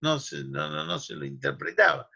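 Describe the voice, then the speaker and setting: A man's voice: medium pitch, very animated, normal speed, gravelly, sharp tone, husky. A man giving a university law lecture, explaining history and running through lists of names and dates with asides to his students. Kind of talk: academic lecture. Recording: dull lo-fi recording.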